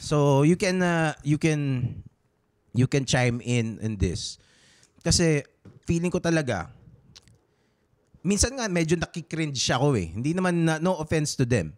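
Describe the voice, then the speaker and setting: This podcast co-host is a man with a Filipino accent whose voice runs fairly high, with big swings in pitch. He speaks at a measured pace and pauses often, drifting between Tagalog and English in a loose, halting chat packed with fillers and false starts.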